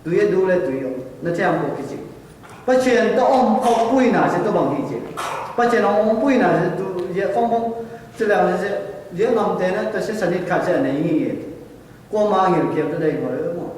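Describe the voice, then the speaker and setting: A man preaching a sermon as a pastor in a church, speaking slowly and deliberately. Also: high-pitched, expressive, darkish tone, slight background noise. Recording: echoey church hall, distant mic.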